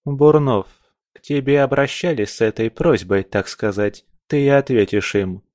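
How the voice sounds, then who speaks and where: A man's voice: mid-range voice, normal speed, darkish tone, no room sound, clean studio sound, voice pushed up, natural voice. A man voicing a stern young woman agent who gives curt, decisive orders in an audiobook. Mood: firm, commanding.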